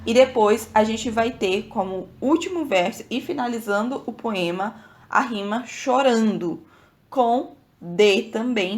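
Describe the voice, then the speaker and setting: A woman from Brazil hosting a podcast lesson, casually explaining verse and counting syllables aloud, often checking in with her listeners. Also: a little high. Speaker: podcast host teaching literature.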